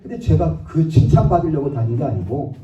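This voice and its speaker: A male pastor gives a sermon as a personal story, talking to the congregation as if in conversation. His voice is dark and mellow. It is picked up from a distance in a reverberant church, and the sound is dull and muffled. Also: a little high, lively intonation, a little fast. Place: church sanctuary.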